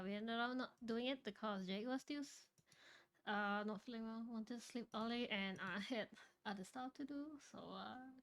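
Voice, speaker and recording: A woman hosting a live stream in casual chat, talking freely with lots of fillers and getting loud when surprised. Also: fairly high pitch. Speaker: streamer host.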